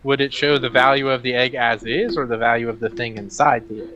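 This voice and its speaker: A man with a medium-pitched voice takes part as a player in a tabletop game, talking casually. The sound is slightly muffled and lo-fi, like online voice chat. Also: brisk, very noisy.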